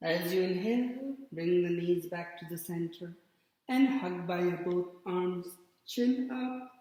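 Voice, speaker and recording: A man guiding a yoga class with calm, short spoken cues and pauses between them. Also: sits high. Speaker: yoga instructor. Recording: very echoey room with long reverb.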